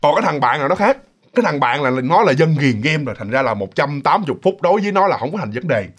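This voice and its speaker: A man's voice: a little high, lively intonation, fast, slightly rough. A man telling a ghost story in a chatty, casual way, speaking straight to his listeners. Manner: chatty, addresses listeners directly, many fillers.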